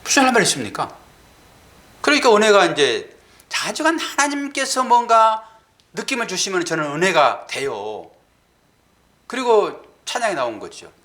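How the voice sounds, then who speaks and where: A middle-aged man preaching a sermon in a casual, conversational way, his voice bright and ringing. He talks directly to the congregation with questions. His pitch swings widely as he goes. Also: huge pitch swings, normal speed, long pauses. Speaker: pastor.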